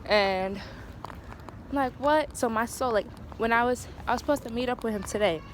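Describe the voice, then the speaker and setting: A woman's voice: on the high side, brisk. A young woman talking candidly to her phone while walking outdoors, a little out of breath, chatty and laughing now and then. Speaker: vlogger. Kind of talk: casual walking vlog. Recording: faint street noise.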